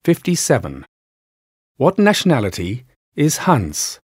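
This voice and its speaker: A man reads listening-test questions in a husky, breathy voice. He keeps an unhurried pace, and his pitch rises and falls widely. His delivery is plain and measured. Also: huge pitch swings, no echo, clean studio sound. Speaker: exam narrator. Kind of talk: scripted test narration.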